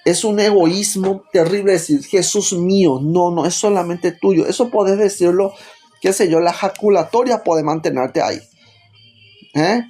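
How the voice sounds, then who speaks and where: A man's voice: high-pitched, unhurried, mellow, soft background music. A man with a Rioplatense Spanish accent preaching a teaching sermon, stopping often to put rhetorical questions to his listeners.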